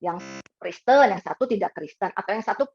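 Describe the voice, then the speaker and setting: A woman pastor preaching at a church service in an animated, chatty way, acting out quoted voices and asking the congregation to agree. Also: brisk. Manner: animated, acts out quoted voices with sharp pitch jumps. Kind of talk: sermon. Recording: dull lo-fi recording.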